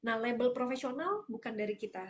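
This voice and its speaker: A woman with a fairly high voice leads an online workshop on public speaking. She answers participants' questions in a lively, explanatory way and illustrates her points with examples. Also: brisk, dull audio. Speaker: speaking coach.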